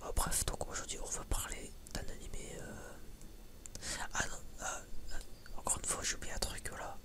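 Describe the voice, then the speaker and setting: An ASMR video creator whispers through a casual, rambling chat at a moderate pace. He's informal and sweary, hesitant, and often stammers over repeated words.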